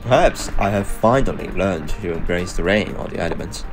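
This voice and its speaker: Low-voiced man narrating over music. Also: expressive, moderate pace, poor audio. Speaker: running vlogger. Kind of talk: scripted reflective voice-over narration. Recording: music behind the voice. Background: background music.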